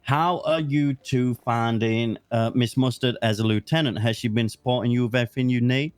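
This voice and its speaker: A man's voice: medium pitch, normal speed, clean tone, no echo, faint music behind. Stern man scolding in character. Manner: stern, scolding, swears casually. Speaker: roleplay police superior. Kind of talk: in-character roleplay banter.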